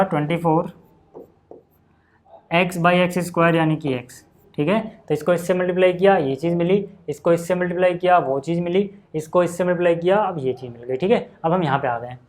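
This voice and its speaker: A man teaching maths at a board, chatty and explaining step by step, often asking if the class follows. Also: on the high side. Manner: chatty, asks check-in questions.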